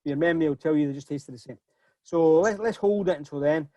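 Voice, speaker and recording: A man's voice: on the high side, fast talker, mellow, dry recording. Chatty man hosting a whisky tasting. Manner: chatty, repeats words when starting sentences. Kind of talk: casual online tasting talk.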